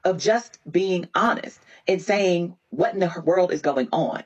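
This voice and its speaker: A woman with a fairly low voice puts a question as in an interview. The recording is dull and lo-fi. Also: a little slow. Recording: dull, lo-fi sound.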